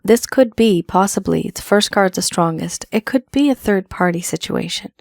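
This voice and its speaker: A woman's voice: mid-range voice, animated, normal speed, vocal fry, no echo, clean studio sound. A woman giving an earnest tarot reading, her voice still worn from the flu, repeating phrases for emphasis. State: voice affected by flu. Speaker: tarot reader.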